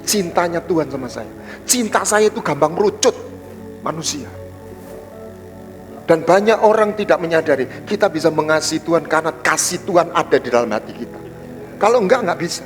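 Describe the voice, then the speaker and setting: High, lively preaching man in a hall. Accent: East Javanese Indonesian. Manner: animated preaching, swings from low asides to loud high exclamations. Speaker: pastor. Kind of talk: sermon. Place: large church hall. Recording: live church sound with long hall reverb.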